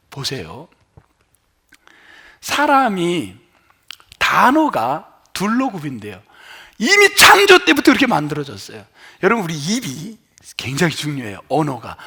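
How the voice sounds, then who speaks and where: A middle-aged male pastor preaching a sermon, asking his congregation questions and swinging from loud emphatic lines to hushed near-whispers. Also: on the high side, husky. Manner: asks the congregation questions and has them try words aloud.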